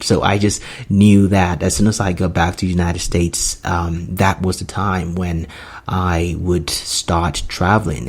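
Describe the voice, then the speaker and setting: Man, late twenties, gravelly voice, podcast host, earnest, rambling. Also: deep voice, a little mellow. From Nigeria. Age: 20s. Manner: earnest, rambling with many fillers. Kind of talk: solo podcast monologue.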